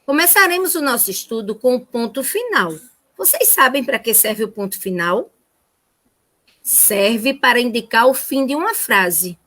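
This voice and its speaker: A woman's voice: fairly high pitch, lively intonation, normal speed, bright, forceful tone. A Brazilian woman teacher giving a remote lesson to first graders in a sing-song, child-directed way. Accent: Brazilian Portuguese.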